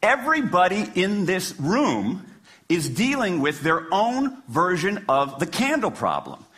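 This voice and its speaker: An American man delivers a persuasive talk with the fervor of a lawyer's passionate closing argument to a jury. His voice is fairly high and forceful, swinging widely in pitch. He leans on rhetorical questions and short, punchy phrases. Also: wildly swooping pitch, a little slow. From Washington, D.C., United States. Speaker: public speaker, former lawyer. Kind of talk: persuasive stage talk to an audience.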